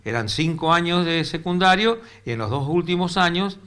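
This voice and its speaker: A man's voice: fairly high pitch, animated, normal speed, pushed and bright, clear, resonant tone. An older retired teacher from northeastern Argentina with a Corrientes accent, recalling his career in a rambling way that repeats words as he searches for them. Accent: Argentine Spanish, Corrientes. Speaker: retired teacher, interview guest. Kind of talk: casual interview. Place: local cable TV studio.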